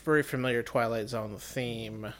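Soft-spoken man musing in casual chat. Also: mid-range voice, steady tone, moderate pace. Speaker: podcast co-host.

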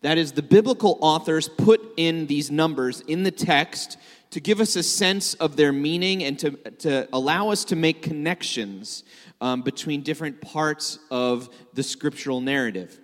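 A man's voice: a little high, normal speed. A man giving a sermon to a congregation, joking and conversational with filler words. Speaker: messianic rabbi preaching. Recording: long hall reverb.

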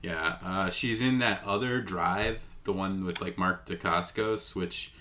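Deep-voiced man chatting about movies. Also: a little slow, pushed and bright. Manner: rambling, many fillers like "like" and "um". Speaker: podcast co-host. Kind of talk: casual movie discussion.

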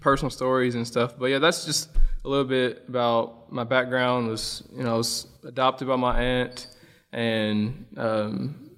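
A young man from Illinois, a podcast guest telling his life story in a relaxed, rambling way with many fillers. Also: medium pitch, smooth, big-room sound. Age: young adult. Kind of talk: casual conversation.

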